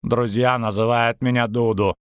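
A man's voice: medium pitch, flat delivery, clear, resonant tone, no room sound, clean studio sound, close to an everyday voice. Guttural whining shapeshifter , as a man puts him on. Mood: sulky. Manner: slow, pleading.

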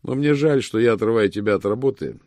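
A man reading an audiobook, voicing a wary young male con man who gives low, hesitant replies. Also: quick pace, mellow, dry recording, lightly acted.

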